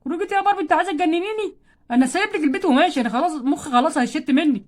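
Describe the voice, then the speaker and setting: A woman's voice: high-pitched, very fast, natural voice. A woman with an Egyptian Arabic accent voicing a grumpy, nagging male doll husband in a toy role-play story. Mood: scolding. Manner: nagging, exasperated.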